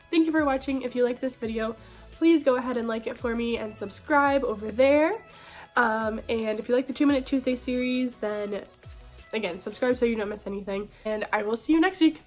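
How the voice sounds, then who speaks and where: Congested young woman with a higher voice. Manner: chatty, full of "you know" and "like". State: congested, voice going. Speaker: fitness vlogger. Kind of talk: casual talking-head advice.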